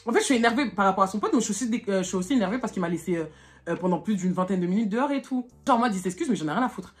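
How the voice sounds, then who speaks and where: A young woman telling a story to her viewers, animated and slangy, swearing often and laughing nervously. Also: medium pitch, rapid-fire.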